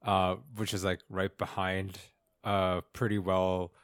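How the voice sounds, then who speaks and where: A man co-hosting a casual podcast, laid-back and halting, often interrupting himself. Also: low-pitched, flat delivery, fairly bright tone, clear, resonant tone, no echo, studio quality. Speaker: podcast co-host. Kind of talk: casual chat.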